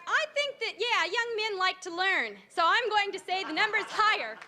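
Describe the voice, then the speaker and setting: A woman's voice: extremely high pitch, lively intonation, moderate pace, crowd noise. A woman from Washington state, a game show contestant, chatting in a giggly way on air. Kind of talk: casual on-air chat. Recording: studio audience, broadcast noise.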